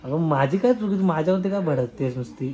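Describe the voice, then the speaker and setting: A man's voice: fairly high pitch, lively intonation, fast talker, a crowd in the background. A young man making a prank phone call, persistent and teasing, pleading and pressing his point. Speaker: prank caller, video host.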